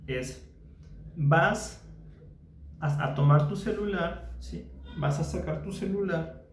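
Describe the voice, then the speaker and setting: A man's voice: fairly high pitch, slow pace, reverberant, a little hiss or hum. A man, a psychologist, teaching a mindfulness lesson patiently, repeating his phrases and checking in with the listener by asking small questions.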